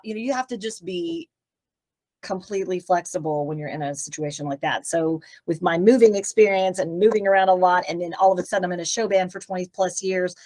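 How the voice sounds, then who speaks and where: A middle-aged woman from Tennessee, a voice actress as guest, talking in a rambling, open, chatty way during a casual interview. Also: fairly low pitch. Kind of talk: casual interview over a video call.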